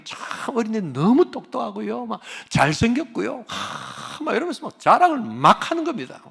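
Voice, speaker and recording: An older man, a pastor, preaching a sermon with animated storytelling and sometimes dropping to a whisper. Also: high voice, creaky.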